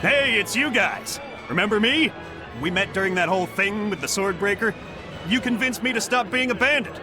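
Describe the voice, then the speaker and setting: An actor playing a cheerful, boisterous reformed bandit who now dreams of cooking, in a video game. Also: male voice, sits high, normal speed, close to an everyday voice. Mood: excited greeting. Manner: boisterous, informal. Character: cheerful reformed male bandit turned eager cook. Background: music.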